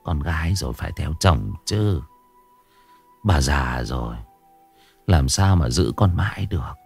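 Hoarse frail grandmother over sixty, tender, soft, voiced by a man, audiobook storytelling. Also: rumbling low, sing-song, a little slow, faint music behind, voice pushed down, full character voice. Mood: soft scolding. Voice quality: hoarse, husky voice. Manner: soft, pleading, tearful.

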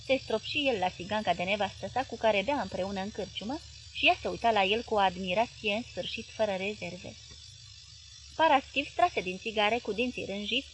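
A woman reading a literary novel aloud as an audiobook narrator, in a measured, even manner. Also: mid-range voice, a little hiss or hum. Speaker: audiobook reader.

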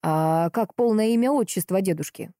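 A woman's voice: medium pitch, normal speed, dark tone, no echo, close to an everyday voice. A woman voicing a middle-aged police colonel who talks in a dry, mocking, businesslike way. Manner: ironic and businesslike.

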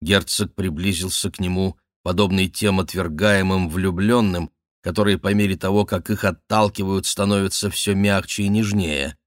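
Deep-voiced man reading an audiobook. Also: fairly even intonation, normal speed, no room sound, studio quality. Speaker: audiobook narrator. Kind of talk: scripted narration.

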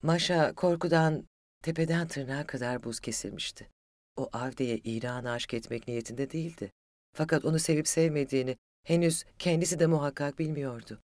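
An audiobook narrator telling a literary story in an even, steady voice. The pitch sits in the middle range. The recording is close and dry, with no room sound. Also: normal speed, dry recording.

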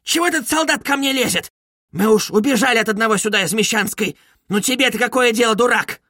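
A man's voice: lively intonation, normal speed, fairly bright tone, husky, no echo, clean studio sound, full character voice. A man reading aloud and voicing a proud, frantic middle-aged widow who wails and scolds. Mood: shrill outrage. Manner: shrill, wailing, haughty.

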